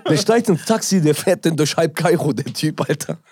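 Animated husky German man. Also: on the high side, normal speed, dry recording, clean studio sound. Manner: animated, acts out quotes with laughter. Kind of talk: casual storytelling chat.

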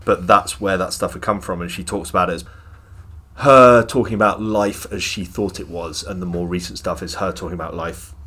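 Deep-voiced guy on a podcast, chatty and opinionated about albums. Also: fairly quick, pushed and bright. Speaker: podcast co-host. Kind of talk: casual music chat.

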